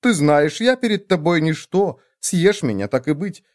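A man's voice: a little high, lively intonation, normal speed, voice pushed up, close to an everyday voice. A man voicing a clever female horse who begs politely, read as a storybook tale. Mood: pleading. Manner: imploring, sly politeness.

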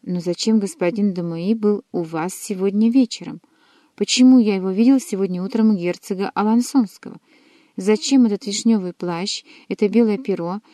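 A woman's voice: medium pitch, warm tone, no echo, clean studio sound, close to an everyday voice. A woman voicing an ardent, jealous young male nobleman who pleads his love. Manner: pleading, impassioned.

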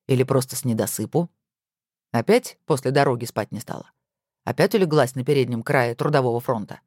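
A woman's voice: rumbling low, fairly quick, a little mellow, dry recording, pitched below the performer's own voice. A woman voicing a teasing, self-important rich husband on the phone, with dry mock-pompous humor.

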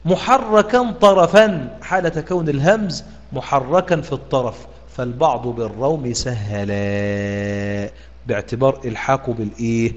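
A man with an Egyptian Arabic accent teaching Quran reading rules, stopping to quiz his students and stretching out example words as he recites them. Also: mid-range voice. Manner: questioning, pausing with "what?" for students to answer; drawn-out demonstrative recitation of words. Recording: lo-fi online room audio with a long reverb.

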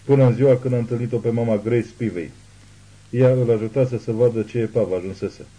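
A man narrating an audiobook thriller in a measured, ominous reading. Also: on the low side, mellow, breathy edge, rough recording. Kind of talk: scripted narration.

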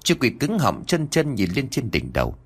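A man narrating a rural ghost story in an expressive, dramatic storytelling manner. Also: mid-range voice, moderate pace, vocal fry, husky.

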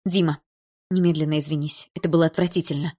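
Woman reading a calm earnest schoolteacher. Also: deep voice, fast talker. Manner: pleading, earnest, ringing. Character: calm, principled female class teacher.

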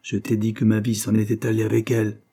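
A man reading an audiobook, voicing a bitter, sharp-tongued young man who lies sulking in bed. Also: fairly low pitch, monotone, quick pace, husky. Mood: bitter, irritated. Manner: sarcastic, irritated. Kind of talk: audiobook character voice.

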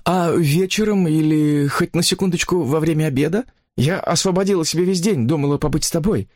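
A man's voice: on the high side, fairly quick, darkish tone, no echo, studio quality, pitched above the performer's own voice, lightly acted. A man voicing a desperate, lovesick married woman who pleads and reproaches, in an audiobook story.

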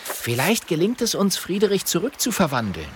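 A man's voice: sits high, huge pitch swings, normal speed, slight background noise, voice pushed up. A man voicing a curious, plucky little fire dragon boy in a children's audiobook, talking eagerly.

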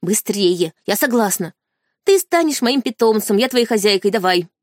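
Audiobook heroine: woman reader as a desperate wife, urgent and shaken, pitched up and louder than the narration. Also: animated, normal speed, no echo, clean studio sound, lightly acted. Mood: frantic. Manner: urgent, pleading, agitated. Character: desperate young wife, frantic and furious. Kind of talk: audiobook character reading.

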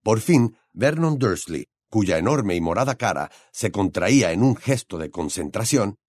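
A man narrating an audiobook in an expressive storytelling style. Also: lowish voice, measured pace, dry recording, studio quality.

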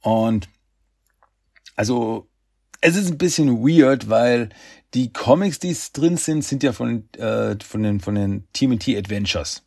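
A man's voice: mid-range voice, expressive, a little slow, gravelly, a little mellow, dry recording, studio quality. A man hosting a podcast, chatting in a loose, rambling way. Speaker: podcast host. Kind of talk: casual chat.

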